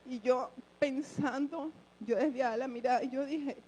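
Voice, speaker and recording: A woman's voice: sits high, fairly even intonation, unhurried, warm tone, a little hiss or hum, rough recording. Woman giving an emotional church testimony. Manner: earnest, addresses listeners directly. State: short of breath with emotion.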